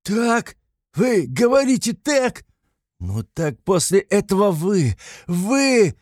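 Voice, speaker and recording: A man voicing an excitable, tipsy young man who rants passionately in an audiobook reading. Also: medium pitch, a little slow, vocal fry, no room sound, clean studio sound. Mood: ecstatic. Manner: ranting, passionate, exclamatory.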